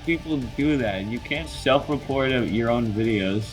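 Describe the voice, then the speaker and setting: A man's voice: mid-range voice, expressive, normal speed, soft background music. A man on a voice call, chatting casually, eager and a little stumbling. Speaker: friend on voice call. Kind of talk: casual chat.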